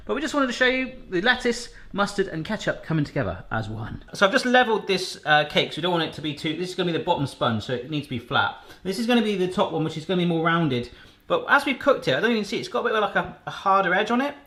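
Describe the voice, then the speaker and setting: A man's voice: high-pitched, very animated, quick pace, pushed and bright. A man hosting a home cooking vlog, chatting and joking as he explains each baking step in his kitchen. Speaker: cooking channel host. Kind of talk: casual cooking vlog chat. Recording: echoey room with faint noise.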